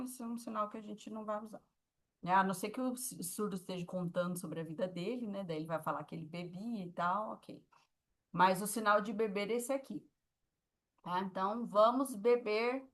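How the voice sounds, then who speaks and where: A woman's voice: mid-range voice, a bit bright. A woman with a Brazilian Portuguese accent teaching a sign language class, explaining patiently and checking in with her students often.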